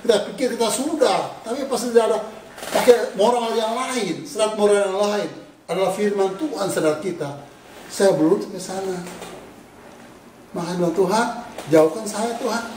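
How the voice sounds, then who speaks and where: A man's voice: high voice, moderate pace. A man in his sixties with an Indonesian accent, preaching a sermon in an earnest, confessional way with self-deprecating laughs. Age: 60s. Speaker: pastor. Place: church hall. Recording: echoey hall, mic at a distance, faint noise.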